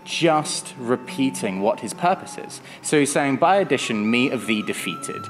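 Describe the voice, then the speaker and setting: A man's voice: medium pitch, animated, normal speed, music in the background. A man as a podcast guest, casually explaining his reading of a poem with hesitant fillers. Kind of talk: casual discussion of poetry.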